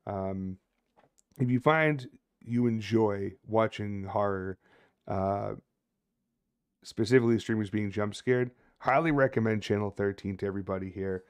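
Low-voiced sweary man streaming games. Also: a little slow, clean tone. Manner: sweary, casual. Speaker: game streamer. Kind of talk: casual horror game livestream commentary. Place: indoor room at a streaming desk.

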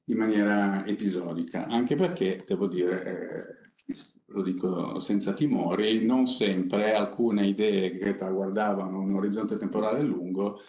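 Low-voiced man in echoey conference room. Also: fairly even intonation, darkish tone, a little hiss or hum. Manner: conversational, unscripted, halting with frequent pauses. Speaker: company innovation director presenting a project. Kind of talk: panel presentation. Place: conference room seated at a panel table.

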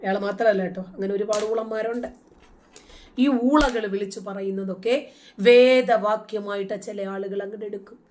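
A woman's voice: medium pitch, steady tone, normal speed, a little mellow. A woman with a Malayali accent giving scornful commentary, full of mocking rhetorical questions, sometimes chanting quoted verses. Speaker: host. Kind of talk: casual commentary.

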